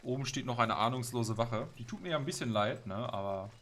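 Male let's player, medium pitch, playful self-talk and slang, noticeable game noise behind. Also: animated, fairly quick, fairly bright tone. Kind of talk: casual gameplay commentary. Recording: clear background game noise. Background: game ambience.

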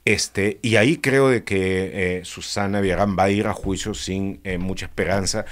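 A man, a guest on a political talk show, speaking in a measured way with frequent filler pauses. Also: low voice, fairly even intonation.

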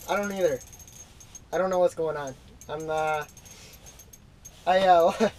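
A man's voice: high-pitched, darkish tone, slight background noise, rough recording. A young man explaining how he fishes, chatty and casual, inside a small ice fishing shelter on a camera-mounted mic. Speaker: fishing vlogger. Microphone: camera-mounted shotgun mic with windscreen.

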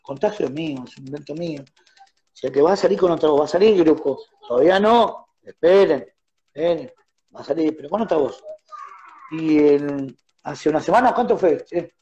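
An animated Argentine man tells stories in a casual radio interview. He acts out quarrels as he goes, in a slightly high voice on muffled, lo-fi studio audio. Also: a little fast. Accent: Argentine Spanish. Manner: animated storyteller acting out phone quarrels. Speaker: musician guest.

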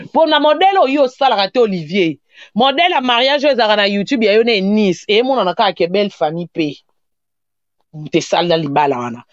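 A woman's voice: medium pitch, dry recording. A woman commentator who lectures and scolds in a casual online talk. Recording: dull muffled recording.

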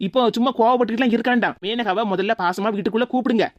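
Woman voicing a brisk, sensible daughter-in-law. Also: fairly high pitch, no echo, highs cut off, close to an everyday voice. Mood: persuasive. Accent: Tirunelveli Tamil. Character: sensible young daughter-in-law, calm advisor.

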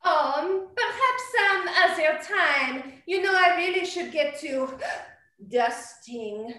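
An actress playing a nervous, coy maid with a French accent, over a video call. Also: female voice, very high voice, animated, slow, pushed and bright, reverberant, full character voice.

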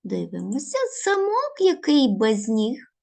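A woman teacher speaks slowly and deliberately to young children in a recorded video lesson. Her fairly high voice rises and falls a lot, and it has a gravelly, husky edge. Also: wildly swooping pitch, warm tone. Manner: slow, deliberate instructions to children, stressing each word. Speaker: primary school teacher.

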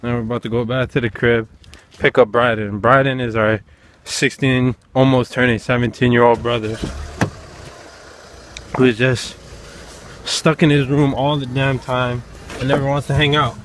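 A man's voice: medium pitch, flat delivery, moderate pace, long pauses. A young man chats casually and slangily as a vlogger, filming himself at arm's length. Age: young adult. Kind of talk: casual vlog chat with slang. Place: handheld camera in a car and outdoors. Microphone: camera at arm's length. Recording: music and car noise behind.

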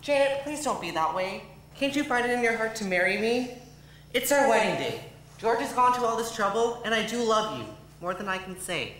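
A student playing an earnest, lovesick young groom, pleading on stage in a school musical. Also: female voice, fairly high pitch, animated, normal speed, a bit bright, a little hiss or hum. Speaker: Robert Martin. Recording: echoey auditorium from far off.

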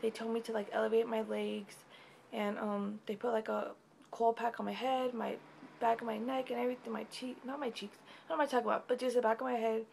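A woman's voice: fairly high pitch, vocal fry, a little hiss or hum. A tired young woman giving a casual, rambling pregnancy update vlog at home, with many fillers. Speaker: vlogger.

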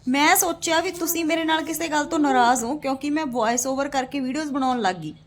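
High-voiced woman, scornful roast vlogger. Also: quick pace. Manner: scornful, indignant; addresses viewers as brothers and sisters. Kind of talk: casual roast vlog to camera.

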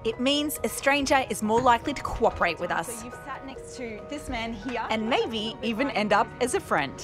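A woman's voice: a little high, lively intonation, normal speed, low-quality recording. A woman, presenting a science documentary and interviewing volunteers in a friendly, upbeat way, outdoors and on a bus. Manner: upbeat, friendly, clear explanations. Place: outdoors by a beach and inside a parked bus. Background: background music.

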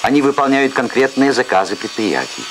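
A man narrating an old Soviet documentary newsreel in a formal, measured announcer delivery. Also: medium pitch, expressive, slight background noise, poor audio. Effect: old newsreel soundtrack.

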